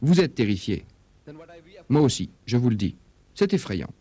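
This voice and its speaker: A man preaching in a dubbed religious lecture, emphatic, asking rhetorical questions, his pitch swinging up and down. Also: big pitch swings, normal speed, mellow, slightly rough.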